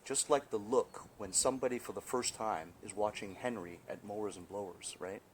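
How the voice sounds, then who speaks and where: In a sunny backyard, a middle-aged man hosts a casual small-engine repair video, his fairly low voice moving at a moderate pace over outdoor background noise. He chats through each step of the hands-on walkthrough and often asks "right?"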